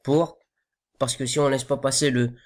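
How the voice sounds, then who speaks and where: A man's voice: medium pitch, level tone. A man teaching correct pronunciation for recitation, patient and repetitive, modelling each sound again and again. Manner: slow, patient, repeats sounds to correct them. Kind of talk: tajwid lesson.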